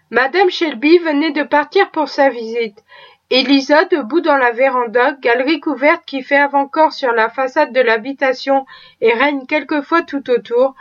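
A woman narrating an audiobook of a classic novel in a measured, clear reading style. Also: sits high. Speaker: audiobook reader. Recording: dull lo-fi recording.

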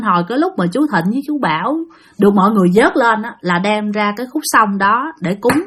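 Female storyteller, casual, talks straight to the audience, a bit high-pitched. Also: a bit bright. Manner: chatty, addresses listeners directly. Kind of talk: spoken ghost story narration.

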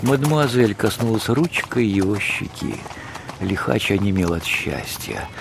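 A man's voice: fairly low pitch, sing-song, unhurried, creaky, background noise. A man narrating a dramatic story from a script.

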